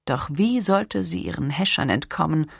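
A woman narrating a historical novel as an audiobook, expressive and dropping to whispers in tense moments. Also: low-pitched, normal speed, vocal fry, slightly rough, no room sound, studio quality.

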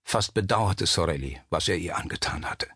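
Man, low husky voice, dry close sound, measured suspenseful audiobook narration. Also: lively intonation, pushed and bright, dry recording.

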